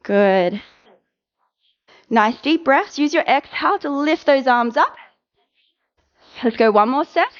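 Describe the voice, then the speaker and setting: Upbeat woman workout coach, higher voice, dull lo-fi recording, counts down reps. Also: animated. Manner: encouraging, brisk coaching with countdowns. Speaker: fitness instructor. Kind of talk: live workout cueing.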